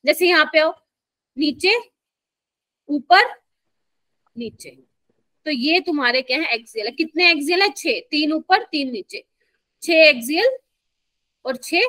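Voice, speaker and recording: A woman with a high, pushed, bright voice teaches chemistry live, switching between Hindi and English in an Indian accent. She takes her time, explains patiently, and repeatedly confirms the students are keeping up; there's no room sound.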